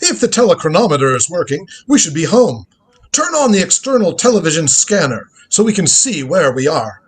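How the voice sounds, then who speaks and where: In a script reading of a radio drama, a performer voices an inquisitive old grandfather scientist who travels through time, musing and exclaiming theatrically in a commanding mood. The voice is medium-pitched, very animated, fairly quick, and slightly rough.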